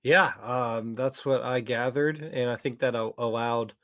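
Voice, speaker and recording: A man's voice: mid-range voice, steady tone, measured pace, fairly bright tone, no echo, studio quality. A man, co-hosting a casual sports podcast and speaking hesitantly, with many fillers. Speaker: podcast co-host.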